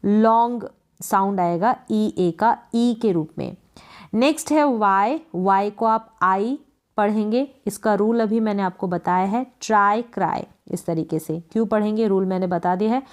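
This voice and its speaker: A woman gives an English pronunciation lesson with a steady, patient delivery. She names letter pairs, reads short example words aloud and restates each rule so learners can follow. Her voice sits at an ordinary middle pitch for a woman. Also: normal speed.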